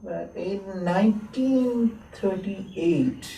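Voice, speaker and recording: A woman in her seventies, born in Lahore and raised in Abbottabad, reminisces slowly as an interviewee, with many hesitant pauses. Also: mid-range voice, creaky, dark tone. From born in Lahore, grew up in Abbottabad. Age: 70s. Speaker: interviewee, textile historian. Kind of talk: slow reflective reminiscing. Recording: roomy echo, mic at a distance, faint hiss.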